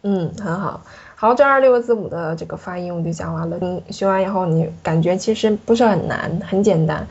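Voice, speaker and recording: A woman teaching a French alphabet lesson, patiently repeating each sound slowly for the learner. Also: on the low side, breathy edge, muffled recording.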